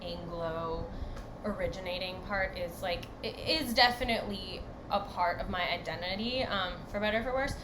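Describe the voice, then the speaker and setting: A woman's voice: fairly low pitch, moderate pace. A young woman co-hosting a podcast, talking in an earnest, reflective way. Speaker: podcast co-host. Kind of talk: casual chat. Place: home, far from the other host. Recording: echoey room with background noise.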